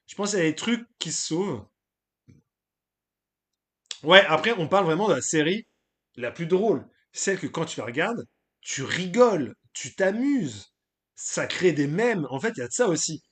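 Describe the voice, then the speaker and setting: A man's voice: fairly high pitch, a bit bright. A man hosting a live stream, chatting casually and loosely, giving his opinions and greeting viewers from the chat, with frequent hesitations.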